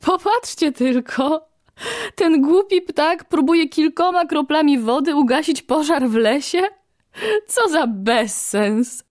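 A woman's voice: high voice, takes it slowly, darkish tone, no echo, clean studio sound, voice pushed up. A woman voicing carefree, mocking gods in a storybook reading. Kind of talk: storybook narration.

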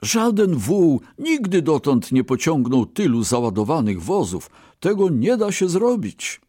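Man putting on a high, excitable poor Brahmin. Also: extremely slow, no echo, clean studio sound, heavily acted. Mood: astonished. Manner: high, strained, exclaiming.

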